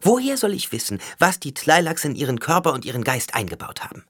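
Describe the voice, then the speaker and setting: A man voicing a haughty young noblewoman in an audiobook, sharp and indignant. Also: a little high, huge pitch swings, moderate pace, slightly rough, pitched above the performer's own voice, heavily acted. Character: fierce young noblewoman, haughty and quick to anger. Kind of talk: audiobook character voice.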